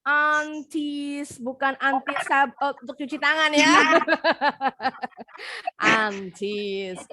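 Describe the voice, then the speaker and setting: A woman's voice: high-pitched, extremely slow, bright, forceful tone, no echo, clean studio sound. A young woman with an Indonesian accent teaching an English class over a video call, patiently explaining and repeating words for pronunciation.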